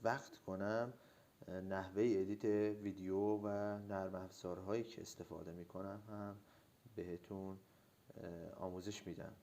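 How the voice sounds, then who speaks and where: Low-voiced, slightly hoarse male drawing teacher. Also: slight background noise. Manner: relaxed, explains step by step, frequent "uh" fillers. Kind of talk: casual tutorial narration.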